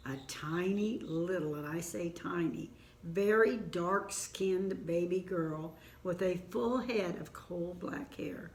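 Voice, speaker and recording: An older woman with an Ozark accent telling a family story in an unhurried, homespun way, with asides. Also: lowish voice, echoey room.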